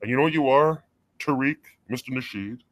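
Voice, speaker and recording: A male caller talks through a voice changer that drags his voice down into a deep, artificial register, and the sound is dry and close. He is in his forties and rambles in halting bursts full of fillers and casual swearing. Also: a bit bright, no room sound, poor audio. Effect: deep pitch-shifted voice changer. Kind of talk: casual call-in chat.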